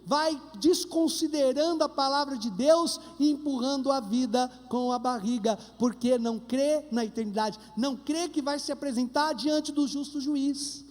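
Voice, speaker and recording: Man, Brazilian Portuguese accent, priest's sermon, high voice, long church reverb. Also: normal speed, few pauses. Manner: animated preaching with humorous anecdotes. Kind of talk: sermon at Mass. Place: large church.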